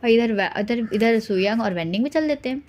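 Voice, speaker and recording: A woman's voice: on the high side, lively intonation, brisk, darkish tone. A woman casually retelling a fan-fiction story in a chatty way, slipping in English words.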